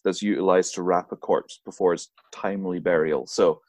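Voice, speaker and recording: A man with a lowish voice tells a story to his co-host in relaxed chat. He laughs often as he goes, and the sound is dry and close with no room echo. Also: normal speed. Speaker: podcast co-host. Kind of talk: casual chat.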